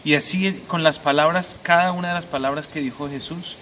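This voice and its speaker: Standing outside a convent next to a church, a young Franciscan friar speaks in a fairly high-pitched voice with the accent of Bogotá, Colombia. His pastoral reflection is calm and thoughtful, broken up by frequent "eh" pauses, with clear outdoor sounds in the background.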